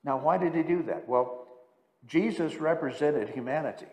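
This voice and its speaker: A man preaching a sermon as pastor, teaching and explaining words, slowing down to stress scripture. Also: fairly high pitch, a little mellow, roomy sound, long reverb tail. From United States. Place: church sanctuary.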